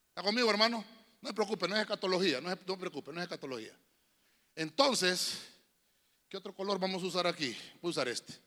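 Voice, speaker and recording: A Honduran pastor preaches in a bright, high voice with a gravelly edge. He swings up and down in pitch, breaking into sudden shouts. His words ring out through a church hall with a long echo. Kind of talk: sermon. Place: church sanctuary.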